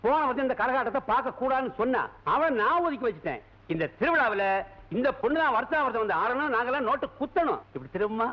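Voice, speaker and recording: A boastful village man who picks quarrels in quick, high talk. The film audio is dull and lo-fi. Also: lively intonation. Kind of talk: Tamil film drama dialogue.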